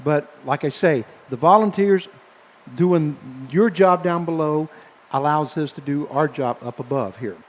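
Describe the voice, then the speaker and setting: A man broadcasting baseball, signing off live from the press box, speaking haltingly and earnestly with many fillers, emotional and choked up. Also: on the high side. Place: press box above a ballpark. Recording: long hall-like reverb.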